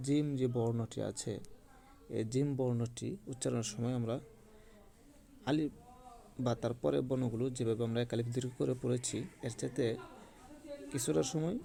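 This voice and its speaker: A man teaching Quran recitation in a slow, patient lesson, drawing out each demonstrated letter. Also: medium pitch, creaky, warm tone.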